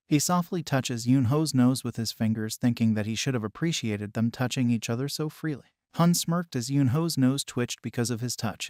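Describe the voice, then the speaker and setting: A man narrating a comic story recap in a steady scripted way, with brief personal asides. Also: mid-range voice, no echo, studio quality.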